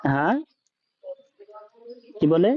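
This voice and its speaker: In this language class, the male teacher's fairly high voice is animated, and he draws his words out. He asks the students questions, checks often that they follow, and mixes in English, captured with dull lo-fi sound.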